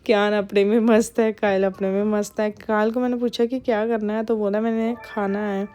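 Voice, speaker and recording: A woman's voice: medium pitch, flat delivery, brisk, dark tone, lo-fi sound. A woman narrating a family vlog as a mother, chatty. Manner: chatty, scolding kids in quoted asides. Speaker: vlogger mother. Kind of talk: casual voice-over narration.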